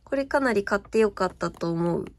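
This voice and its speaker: Expressive and fairly quick, this young woman's medium-pitched voice carries a casual show-and-tell about her stationery haul. As a vlogger she gushes over each item and keeps asking if viewers can see the sparkle.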